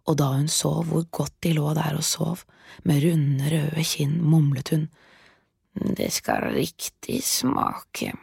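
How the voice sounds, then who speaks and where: Lady telling a fairy tale, low and gravelly, soft almost whispery, dry sound. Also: flat delivery, no echo. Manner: soft, often half-whispered narration. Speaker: storyteller.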